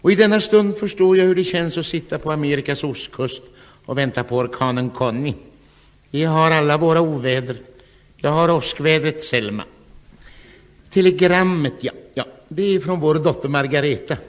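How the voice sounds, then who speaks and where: A man in his fifties delivering a scripted comic monologue. He tells the story in a wry, deadpan way. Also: fairly high pitch, in a large hall.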